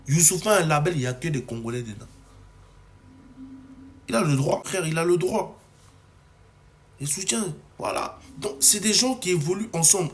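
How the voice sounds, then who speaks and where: Young man from Cameroon, fairly high voice, agitated vlog rant with many restarts. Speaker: comedy video maker. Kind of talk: heated monologue to camera.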